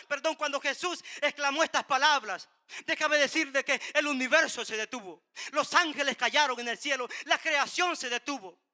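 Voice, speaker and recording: A man's voice: very high voice, sharp tone. A man preaching a sermon with passion, repeating phrases and building to cries. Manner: impassioned, repetitive preaching with rising cries.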